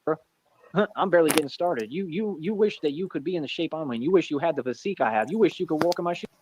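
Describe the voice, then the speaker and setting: A man's voice: fairly high pitch, animated, quick pace, noisy background. A man in his thirties bragging and taunting in brash, repetitive trash talk. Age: 30s. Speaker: streamer in a played clip.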